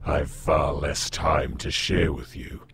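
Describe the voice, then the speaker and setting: Demon, male: very low, gravelly, slow and mocking, audio drama. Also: steady tone, loud music behind the voice. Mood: menacing. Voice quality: deep gravelly voice. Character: hateful, amused male demon, huge and winged.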